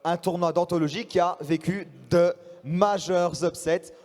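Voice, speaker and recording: A man working as an esports caster, presenting players and results with a halting, searching delivery. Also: sits high, fairly even intonation, darkish tone. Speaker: esports commentator. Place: large convention hall stage. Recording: reverberant event hall, music behind.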